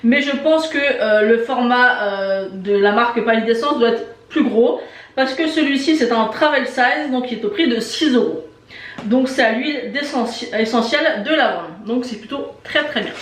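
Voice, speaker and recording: A woman vlogger unboxes a beauty box casually, chatty and enthusiastic with many fillers, in an indoor room with shelves of lipsticks behind her. Her voice is a little high and at normal speed, but she sits far from the mic and the room is echoey.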